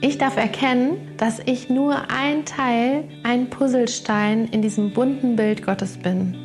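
A woman's voice: fairly high pitch, fairly even intonation, measured pace, darkish tone. A woman giving an upbeat, sincere testimony in a church video. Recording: music underneath.

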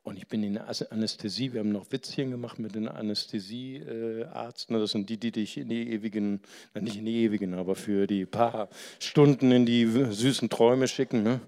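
Male preacher, gravelly voice, conversational storytelling sermon, swings between hushed and loud. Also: lowish voice, brisk. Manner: swings between soft near-whispers and loud, animated telling; conversational, asks the listeners questions.

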